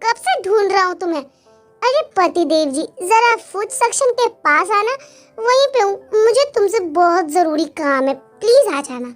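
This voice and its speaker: A proud young wife who talks back with boastful, cutting lines, as a woman voices her in a fan-made dub. The voice is very high. Faint music sits underneath. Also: expressive, normal speed. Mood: haughty. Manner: sassy, boastful. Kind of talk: Hindi fan dub acting.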